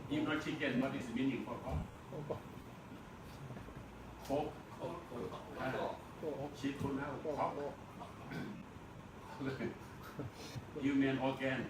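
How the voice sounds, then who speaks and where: A man with a Burmese accent teaching an English class, speaking slowly, repeating words and chuckling often. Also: mid-range voice, fairly even intonation. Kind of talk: classroom lecture. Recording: echoey classroom, mic far off, noisy.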